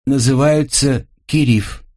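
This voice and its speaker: A man voicing a stern, irritable female office bureaucrat, talking in sharp, curt bursts with a husky edge. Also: on the high side, big pitch swings, measured pace, pitched above the performer's own voice, heavily acted. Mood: dazed.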